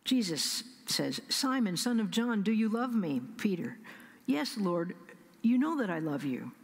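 Husky-voiced woman pastor preaching in a reverberant church. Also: mid-range voice. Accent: American Midwest. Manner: measured preaching with slow emphatic pauses, soft whispered asides. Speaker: senior pastor. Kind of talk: sermon. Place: large church sanctuary. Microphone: pulpit stand mic.

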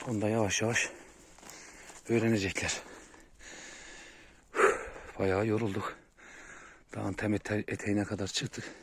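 A man's voice: fairly low pitch, a little slow, pauses often. A man casually narrating a vlog outdoors on a mountain walk, talking to his viewers about his dogs. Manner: relaxed, chatty, addresses viewers directly. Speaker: dog owner showing his dogs. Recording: outdoor recording with clear background noise.

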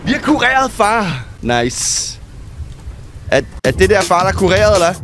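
High-voiced excitable man commenting on a game. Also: noisy background. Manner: excitable, reads game text aloud, drops in English game words. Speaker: gaming YouTuber.

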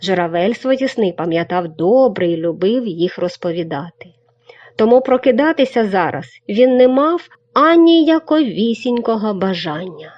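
A woman reading a children's story aloud with expressive storybook narration. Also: mid-range voice, normal speed. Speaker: reader. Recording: dull lo-fi recording.

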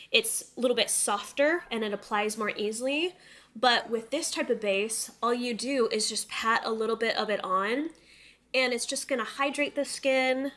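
A woman's voice: a little high, pushed and bright. A woman in her thirties with a nasal, stuffy nose from a cold, chatting directly to viewers through a casual beauty tutorial. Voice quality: nasal, slightly stuffy-nosed. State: getting over a cold. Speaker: makeup tutorial host. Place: indoor room studio set, seated close to camera.

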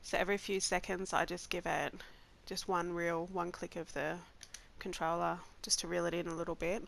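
An Australian woman hosting a gaming channel walks viewers casually through a gameplay tutorial step by step, sounding nasal because she has the flu. Her voice is lowish, creaky and fairly bright, with a flat delivery at normal speed.

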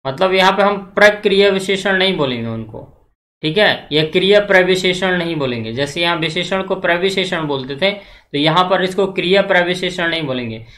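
A man's voice: high-pitched, animated, fairly quick, a bit bright. Hindi grammar teacher quizzing his class. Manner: repetitive, asks the class questions and answers them; checks in often. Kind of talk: exam-prep grammar lecture.

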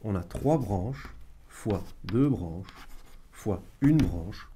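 A man teaches a math lesson in a classroom, his pitch rising and falling in an animated way. He speaks slowly and coaxes his students, talking straight to them as he works through the problem. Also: a little hiss or hum. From Belgium. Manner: lively, coaxing, talks to students directly.

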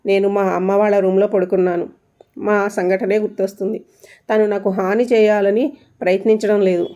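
Brief: woman storyteller, steady suspenseful narration, middle pitch. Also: moderate pace, highs cut off.

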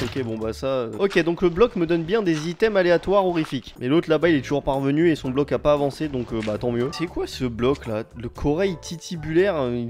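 A man hosting a gaming video, chatting in slangy, excited let's-play commentary and yelping at jump scares. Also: a little high. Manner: jumpy, shouts and laughs at scares; slangy and talks straight to viewers.

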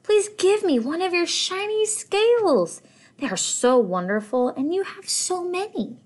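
A woman's voice: extremely high pitch, animated, a little slow, voice pushed up. A woman voicing a small, timid male fish in a storybook, with an eager, pleading way of talking.

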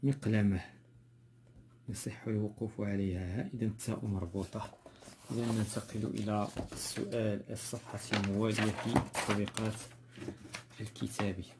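A man's voice: on the low side, flat delivery, a little fast, noisy background. A man with a Moroccan accent teaching a textbook grammar lesson, going step by step and repeating key words.

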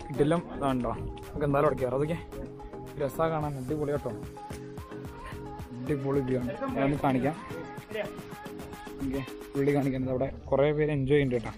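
Music plays behind this Kerala-accented travel host as he vlogs to viewers, speaking Malayalam sprinkled with English. His mid-range voice barely shifts in pitch, and his delivery is brisk with frequent pauses, yet he stays enthusiastic and keeps returning to approving catchphrases.

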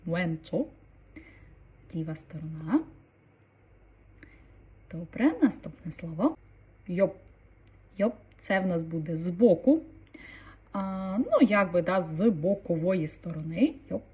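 A woman teaching an online language lesson, calmly explaining and repeating each new word. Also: lowish voice, takes it slowly, pauses often, husky.

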